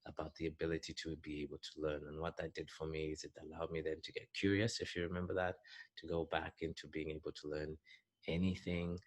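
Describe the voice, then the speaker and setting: A man speaks as a leadership coach, offering earnest advice to young people in a recorded message. His voice sits very low and stays level, with little rise or fall, and he often doubles his words to stress a point. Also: little pitch movement, fast. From Zambia. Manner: earnest, advisory, repeats words for emphasis. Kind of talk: recorded motivational message to youth.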